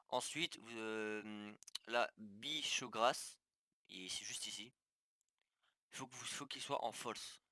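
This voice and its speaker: A man's voice: lowish voice, sharp tone, no room sound, studio quality. Hesitant man explaining game settings. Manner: hesitant, many fillers and restarts; talks viewers through steps on screen. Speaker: gaming tutorial youtuber. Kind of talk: casual screen-recorded tutorial.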